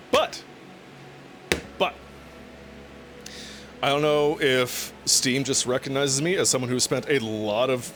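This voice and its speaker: A man's voice: medium pitch, fairly bright tone, slight background noise. A man chatting casually with his viewers on a cooking live stream, laughing often and swearing now and then.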